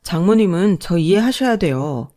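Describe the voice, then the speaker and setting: A woman's voice: fairly low pitch, expressive, moderate pace, dark tone, natural voice. A woman voicing an arrogant young husband who talks down to his wife and mother-in-law. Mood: wheedling. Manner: condescending, wheedling, then scornful.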